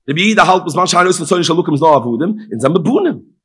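Animated, high-pitched rabbi in lecture. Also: male voice, rapid-fire, slightly rough. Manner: chants scripture verses in a rising sing-song; swings from hushed murmurs to emphatic outbursts. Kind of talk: Torah lecture.

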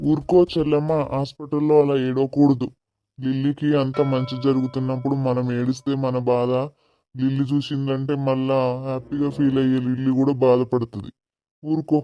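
A man's voice: medium pitch, level tone, fairly quick, lo-fi sound, soft background music, close to an everyday voice. A man voicing a kindly, fatherly father-in-law who soothes the family, in a cartoon. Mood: soothing.

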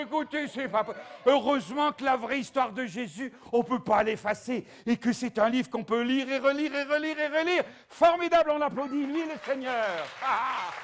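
A man's voice: extremely high pitch, fairly bright tone. A man performing as a clown in an outdoor audience-participation show, playfully coaxing the crowd to chant along. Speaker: children's gospel clown performer.

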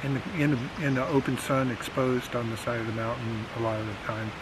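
A man casually recapping a long hiking day outdoors at a campsite, relaxed and fond of repeating single words. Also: medium pitch, fairly quick. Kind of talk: casual chat. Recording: outdoor hiss and stream noise.

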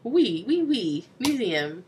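A woman's voice: mid-range voice, sing-song, slow pace, slight background noise. A young woman co-hosting a let's play, chatting casually, giggling and reading game text aloud in a playful way. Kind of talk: casual gameplay chat.

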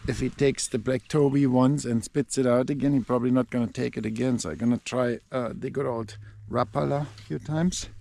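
A man's voice: mid-range voice, fairly quick, gravelly. A man in his thirties narrating a casual fishing vlog outdoors by a lake, chatty and a little unsure of himself, recorded on a handheld action camera. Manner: relaxed, chatty, unsure asides. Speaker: fishing vlogger. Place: outdoors by a lake and in a camper van.

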